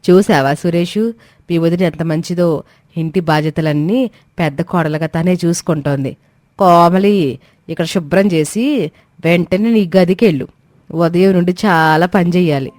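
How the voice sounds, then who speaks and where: A man's voice: a little high, moderate pace, darkish tone, no room sound, clean studio sound, voice pushed up, natural voice. A male narrator voicing a scheming, domineering older mother-in-law who talks in a falsely doting, sweet-talking way. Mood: commanding.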